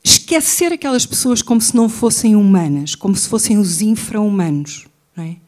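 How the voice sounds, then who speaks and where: A woman with a European Portuguese accent speaks as an interview guest in a mellow, darker tone at a middle pitch. She talks with intensity, hammering home her points by repeating key phrases. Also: lively intonation, fairly quick. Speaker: guest writer and journalist. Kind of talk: impassioned interview talk.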